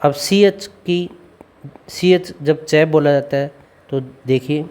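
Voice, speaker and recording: A man teaches English pronunciation in a slow classroom phonics drill, reading word lists one at a time and repeating his questions for the learner. His voice is a little high, slow and darkish in tone.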